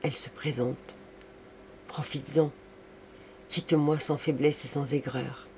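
A man voicing a tender but resolute woman ending a love affair, in a grave, measured audiobook reading. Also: on the high side, fairly even intonation, darkish tone, a little hiss or hum. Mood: firm, tender.

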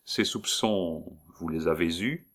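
A man voicing a calm, grave doctor who questions his patient in a low, soothing, measured way, in a storybook reading. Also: full character voice. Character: calm, grave male doctor, gently probing.

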